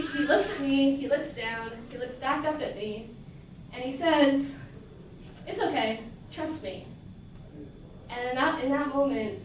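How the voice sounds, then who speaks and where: A young woman with a somewhat high voice tells a personal story on stage, chatty and full of fillers, laughing often. Her voice comes from a distance in a very echoey hall. There is clear room noise behind her. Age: young adult.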